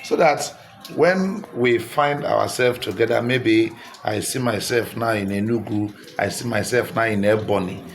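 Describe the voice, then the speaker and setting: A man's voice: on the low side, measured pace, a little hiss or hum. A Nigerian man talking straight to his viewers in a casual vlog, repeating himself and coaxing them to comment. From Delta State, Nigeria. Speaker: social media creator. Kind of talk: casual direct-to-camera vlog.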